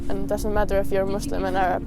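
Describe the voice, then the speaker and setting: A woman's voice: medium pitch, little pitch movement, fast talker, music in the background. A woman from Iceland, answering plainly and a little unsure in a street interview.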